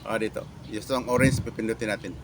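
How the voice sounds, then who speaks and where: A Filipino man acts as a reviewer in a casual product demo, speaking haltingly and repetitively and leaning on catchphrases. His voice is fairly low with fairly even intonation, and the recording is very noisy.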